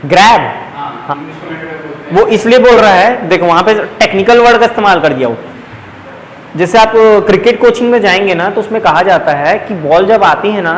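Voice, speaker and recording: A man's voice: high-pitched, lively intonation, moderate pace. A young male teacher with a Chhattisgarhi Hindi accent, coaching a live class by drilling sentence patterns and coaxing his students along in a chatty way. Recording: echoey classroom, faint background noise.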